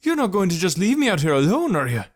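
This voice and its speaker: A man voicing a panicky, indignant young city man in an audiobook, with a high, shrill voice that often shouts. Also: big pitch swings, fast talker. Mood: anxious pleading. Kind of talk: audiobook character voice.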